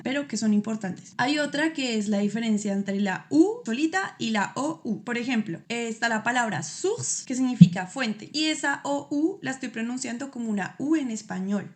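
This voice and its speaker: A woman whose first language is Spanish gives a casual spoken lesson on pronunciation, patiently explaining step by step and demonstrating each sound slowly. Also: fairly high pitch. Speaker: amateur French teacher.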